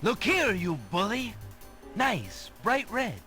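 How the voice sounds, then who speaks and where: A man's voice: sits high, very animated, slow, heavily acted. A man playing an earnest, polite young heroic prince in a video game, speaking in a courteous, theatrical way. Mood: bold, excited. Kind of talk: video game hero acting. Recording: game audio under music.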